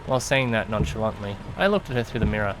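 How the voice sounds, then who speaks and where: A man performs an awkward young driver narrating his own story in a first-person audio drama with acted dialogue, sounding musing, uneasy, and easily flustered. He talks fast and animatedly, close to an everyday voice, with a lot of pitch movement. Rain and car rumble are clearly audible behind him.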